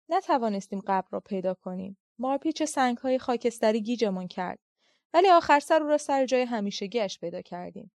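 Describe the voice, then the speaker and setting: A woman's voice: medium pitch, a little mellow, no room sound. Woman narrating an audiobook, dry sound. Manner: measured, reflective reading.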